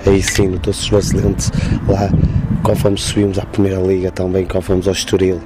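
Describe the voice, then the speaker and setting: A man with a northern Portuguese accent, a supporters' group leader, talks casually in an interview in halting, loose phrases. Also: low-pitched, monotone, heavy background noise. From Guimarães, northern Portugal.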